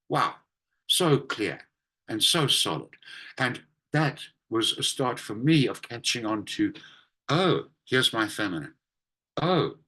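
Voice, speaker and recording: A man who teaches spiritual practice tells a personal story in conversation. His voice is bright and ringing at a middling pitch. He tells the anecdote with vivid, expressive emphasis. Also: low-quality recording.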